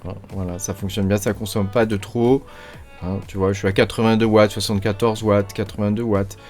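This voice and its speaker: A man's voice: lowish voice, level tone, brisk, darkish tone, soft background music. A man giving a casual screen-share tutorial on crypto mining, chatty and informal, sprinkling his talk with fillers and addressing the viewer directly.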